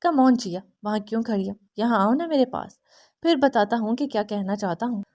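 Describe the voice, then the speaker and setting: A woman's voice: fairly high pitch, animated, a little mellow. A woman doing a smug, scheming young man. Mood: smug teasing.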